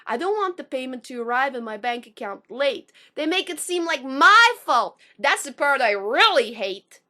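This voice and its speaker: Her voice high, bright and sharp-edged with a sing-song quality, a woman in her thirties gives a personal intro and then a spoken word poem. She paces it slowly and carefully, pausing between lines, and her slightly unusual speech is sometimes heard as a foreign accent.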